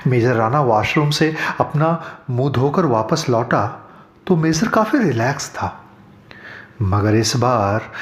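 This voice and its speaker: Slow, dramatic male horror narrator. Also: mid-range voice. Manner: measured, dramatic storytelling. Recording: roomy echo.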